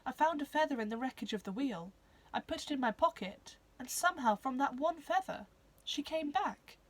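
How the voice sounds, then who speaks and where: A woman's voice: sits high, animated, moderate pace, pitched above the performer's own voice. A woman voicing an anxious, earnest young male alien hero.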